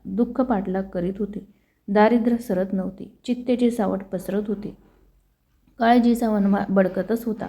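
A woman tells a devotional story at an even pace. Her voice is dark and mellow, never bright. She carries the narration steadily from scene to scene. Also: mid-range voice.

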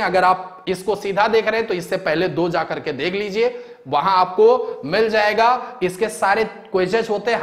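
A man's voice: high-pitched, reverberant. A man teaching an exam-prep lesson, repeating each rule and checking that students have understood. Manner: repetitive, drills phrases and asks "samajh gaye?".

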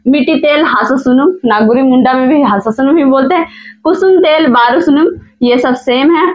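A woman with a high voice teaches vocabulary at a small whiteboard, saying each word slowly and repeating it. She talks in an easy, chatty way to her viewers. The sound is dull and lo-fi. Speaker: language teacher, channel host. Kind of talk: casual whiteboard vocabulary lesson.

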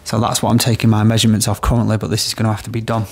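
Gravelly-voiced man explaining a job. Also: on the low side, completely flat delivery, rapid-fire. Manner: practical, explaining step by step. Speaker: electrician. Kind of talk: on-site product demonstration. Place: house interior, small room.

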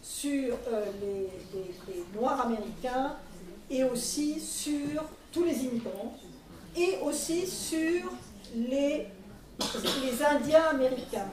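Seated at a panel table in a meeting room, a middle-aged woman from France gives a talk for a centennial commission at a teachers' training day, often restarting and using fillers. She speaks slowly in a high voice, with a crowd audible behind her; a table mic captures her, filmed distantly in an echoey room.

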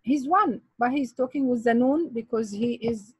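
A woman's voice: a little high, very slow, slightly rough, no echo. A woman teaching grammar in English, quizzing her students with repeated questions. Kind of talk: online grammar lesson.

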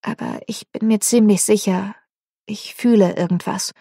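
A woman's voice: medium pitch, steady tone, moderate pace, creaky, mellow, slightly rough, no room sound, studio quality. A woman audiobook narrator voicing a tipsy young woman who hesitantly admits her feelings. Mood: shy confession.

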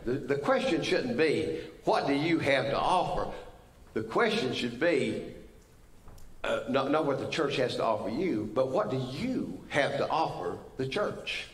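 Folksy preacher in a roomy church. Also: male voice, medium pitch, lively intonation, unhurried, distant mic. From United States. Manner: folksy storytelling, jokes with the congregation. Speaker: pastor. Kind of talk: sermon. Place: church sanctuary. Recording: roomy church sound from off mic.

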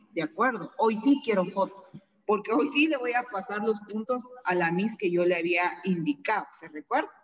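A teacher with a Guatemalan accent gives a recorded lesson, patiently repeating each word slowly so the class can copy the pronunciation. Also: medium pitch, fairly bright tone, big-room sound, muffled recording. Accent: Guatemalan Spanish.

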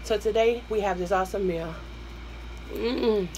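A hoarse Southern woman in her thirties hosts a mukbang from a small room in her home, chatting warmly with viewers, calling them y'all and humming while she eats. Her voice is medium-pitched and measured in pace, and there is faint background noise in this casual eating-show chat.

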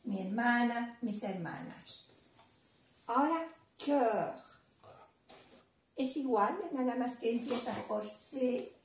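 An older woman gives a patient language lesson from her home, saying each word slowly and again and again. Her voice sits fairly high and her pace is unhurried. The room around her has a noticeable echo. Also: a little hiss or hum. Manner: patient, repeats words slowly, many tag questions. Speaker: language teacher. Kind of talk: casual video lesson.

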